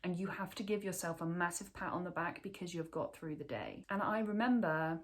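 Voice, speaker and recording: Earnest woman, low-pitched. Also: brisk. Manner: earnest, open and reflective. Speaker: parenting vlogger. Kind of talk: candid personal talk to camera.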